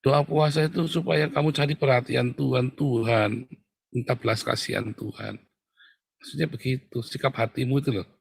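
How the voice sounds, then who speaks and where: A man preaching a sermon, animated and exclamatory, often calling out to his listeners. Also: medium pitch, normal speed, vocal fry, breathy edge, dry recording. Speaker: preacher who counsels pastors.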